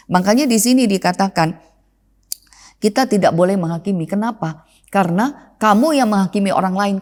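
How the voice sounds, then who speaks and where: Woman pastor preaching a conversational sermon. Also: darkish tone. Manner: drops pitch and volume on the trailing address word; rhetorical questions and repeated phrases.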